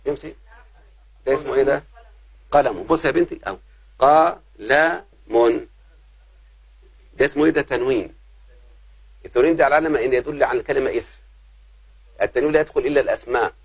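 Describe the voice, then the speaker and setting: A man's voice: medium pitch, vocal fry, slightly rough. A man with an Egyptian accent teaching Arabic grammar to a class, often stopping to ask the students whether they understand. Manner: keeps checking if students understand.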